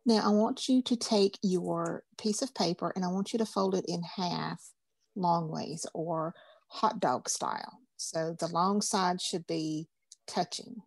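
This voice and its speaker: A woman's voice: fairly low pitch, a little slow, gravelly, dry recording. A woman, teaching a craft class in a chatty, upbeat, folksy way. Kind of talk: casual craft class instruction.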